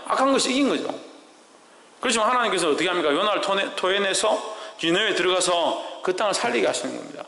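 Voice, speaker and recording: Forceful pastor's sermon in an echoing hall. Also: male voice, high-pitched, a little hiss or hum. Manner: asks the congregation rhetorical questions and answers them. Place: church sanctuary. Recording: echoey church hall with long reverb.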